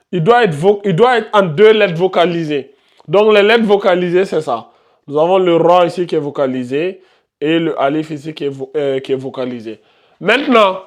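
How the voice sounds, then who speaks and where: Guy with a high voice teaching tajwid to his class, keeps asking questions. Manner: quizzes students, repeats key terms. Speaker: Quran recitation teacher. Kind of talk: live classroom tajwid lesson.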